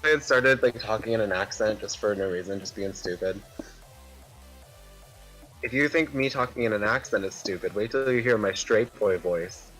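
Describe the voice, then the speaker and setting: A man's voice: lowish voice, normal speed, a bit bright, poor audio. Man, casual gaming chat, rambling, lots of fillers, faint music behind. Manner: chatty, rambling with many fillers. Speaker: gaming streamer.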